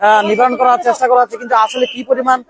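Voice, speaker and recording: A man's voice: very high voice, level tone, rapid-fire. A man reporting live from a flood scene outdoors, giving urgent, repetitive appeals and warnings. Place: outdoors among a crowd at a riverbank. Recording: outdoor field recording with crowd noise.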